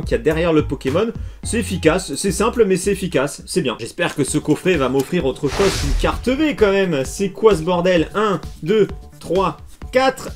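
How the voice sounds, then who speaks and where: Chatty high-voiced French man unboxing cards. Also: darkish tone. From France. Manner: chatty, reacts aloud to each card, many fillers. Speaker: YouTuber opening trading card packs. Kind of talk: casual unboxing commentary.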